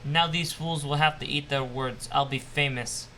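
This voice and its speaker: A man's voice: a little high, steady tone, moderate pace, bright, forceful tone, slight background noise. A man doing a ranting mad scientist, fake Russian accent. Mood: triumphant. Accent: put-on Russian. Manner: ranting, paranoid, self-pitying. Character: bitter, obsessive male scientist losing his mind.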